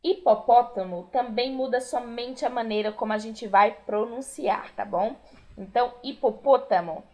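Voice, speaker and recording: A woman with a Brazilian Portuguese accent teaches a recorded Spanish lesson, patiently and clearly repeating each word. Her voice is fairly high and warm, at a normal speed.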